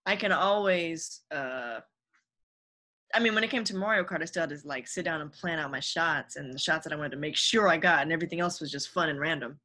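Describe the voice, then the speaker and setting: A woman's voice: deep voice, a little fast, bright, forceful tone. A young adult woman, a guest on a podcast, talking casually and earnestly about her career and giving upbeat advice. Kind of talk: casual interview chat.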